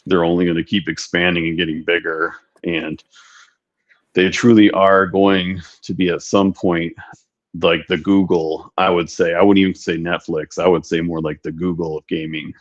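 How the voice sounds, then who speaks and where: Low, flat man on buzzy call audio. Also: muffled recording. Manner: steady, unhurried, with frequent ums. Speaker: livestream co-host. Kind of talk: casual gaming chat.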